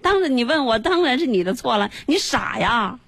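A woman's voice: high voice, very animated, fast, dry recording. A woman hosting a call-in advice show, speaking bluntly and scolding with rhetorical questions. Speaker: radio advice host.

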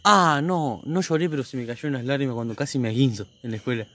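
Young argentine guy chatting with his buddy, relaxed slangy talk, medium voice. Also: medium pitch, fast, no echo. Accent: Argentine Spanish. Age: young adult. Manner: slangy, laid-back, peppers speech with "chabón". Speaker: podcast co-host. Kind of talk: casual chat between friends.

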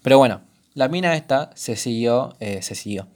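A man's voice: mid-range voice, animated, moderate pace, darkish tone. A young man with a Rioplatense Spanish accent hosting a solo podcast, chatting casually and rambling as if talking to a friend. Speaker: podcast host.

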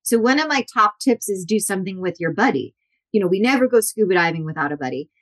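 A woman in her forties speaks as an interview guest, telling her stories with lively swings in pitch and voicing the people she quotes. Her voice sits at an average pitch for a woman. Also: fast talker. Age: 40s. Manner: animated, acts out quotes with shifting voices. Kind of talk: storytelling interview.

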